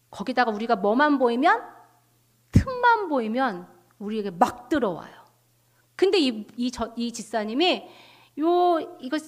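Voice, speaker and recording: A woman missionary preaching a testimony sermon, telling a story with lively asides and questions to the audience. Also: high-pitched.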